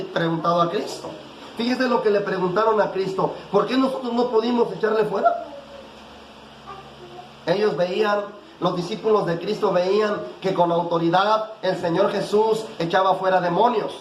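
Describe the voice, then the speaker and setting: Guy preaching a sermon, high voice, slow careful bible reading, echoey room. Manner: reads scripture slowly and deliberately, then preaches with rising intensity. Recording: echoey room with faint background noise.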